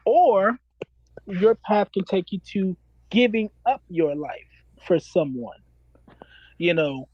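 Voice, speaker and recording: A man's voice: high voice, no room sound, muffled recording. A man in his forties, a self-described minister, talking earnestly and preachily in a casual interview and repeating his key phrases. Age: 40s.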